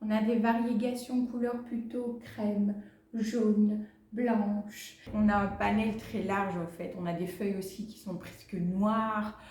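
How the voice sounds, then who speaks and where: Brief: woman plant vlogger, mellow voice, chatty and halting, echoey room at home. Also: mid-range voice, little pitch movement. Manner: chatty, hesitant with many fillers, laughs easily. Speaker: plant vlogger, channel host. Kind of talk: casual chat to camera, showing plants. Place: home, indoors.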